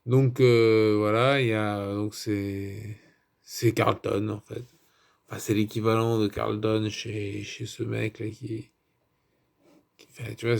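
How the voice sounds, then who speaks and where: A man's voice: medium pitch, gravelly, a little mellow. A man reviewing a film in a casual, rambling way, hesitant and full of fillers and restarts.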